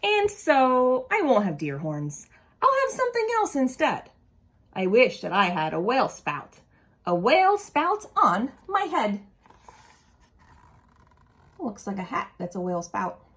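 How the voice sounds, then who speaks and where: Reading a children's picture book aloud with expression, this woman has a mid-range voice with a breathy edge. Her manner is animated and deliberate, and she drops in casual asides and questions for the young audience.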